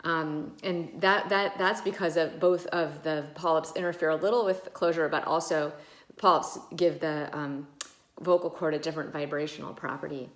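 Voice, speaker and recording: A woman's voice: low voice, steady tone, moderate pace, fairly bright tone. A woman ENT doctor explaining casually, with many fillers, who sometimes demonstrates how voices sound. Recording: echoey room.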